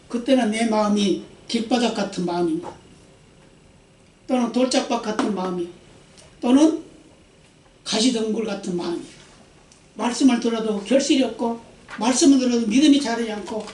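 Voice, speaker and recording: A man's voice: extremely high pitch, darkish tone. A male pastor giving a Sunday sermon with emphatic preaching, often asking the congregation to answer back. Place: church sanctuary. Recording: echoey church hall from a distance.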